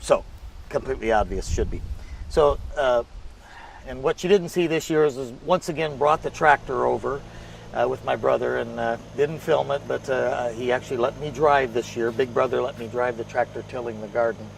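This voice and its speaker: A man's voice: medium pitch, moderate pace, vocal fry. A man hosting a casual gardening vlog outdoors, chatty and rambling with lots of fillers and restarts. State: out of breath. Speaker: gardening video host. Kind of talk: casual vlog talk to camera. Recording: distant outdoor mic with faint ambient noise.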